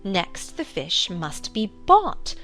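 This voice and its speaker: A woman's voice: medium pitch, huge pitch swings, slow pace, a bit bright, heavily acted. An actress playing a scatterbrained, good-natured storybook queen in a theatrical, singsong manner. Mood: riddling. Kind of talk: dramatized storybook recitation and dialogue. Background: music.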